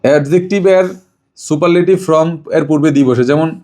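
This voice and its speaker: Man, english tutor, quizzes the kid, quick, slightly high voice. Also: a little mellow. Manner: asks the child questions and repeats answers. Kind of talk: home tutoring lesson.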